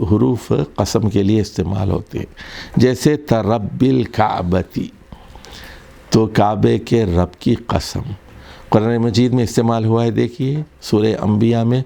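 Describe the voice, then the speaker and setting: A man with a Pakistani Urdu accent teaching Arabic grammar in a recorded lesson. He explains slowly, repeats words, and often restarts with fillers. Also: on the low side, vocal fry, warm tone.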